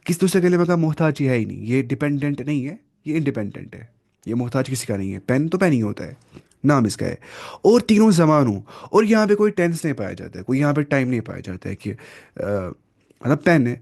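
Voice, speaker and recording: A man gives an online Arabic grammar lesson at an average pitch. He works through the material step by step and asks the class questions that he then answers himself. He mixes in English terms and slows down to read Arabic words. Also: very animated, creaky, darkish tone. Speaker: Arabic teacher.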